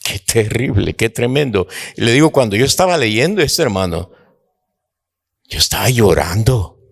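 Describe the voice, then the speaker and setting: A man preaching a sermon to his congregation, slow and dramatic, rising to impassioned outbursts. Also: fairly low pitch, animated, gravelly, husky. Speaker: apostle, preacher.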